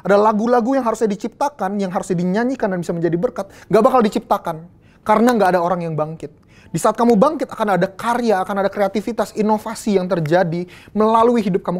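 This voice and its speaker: A woman's voice: mid-range voice, darkish tone. A young adult woman from Indonesia, preaching a youth sermon in a casual, slangy way with English phrases mixed in.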